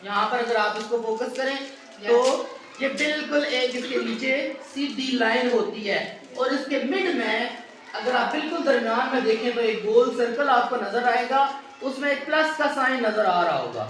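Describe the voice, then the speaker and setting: A man's voice: extremely high pitch, normal speed, fairly bright tone. A male teacher giving a math lesson to a class, patiently asking students to repeat key answers. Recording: echoey classroom from far off, faint noise.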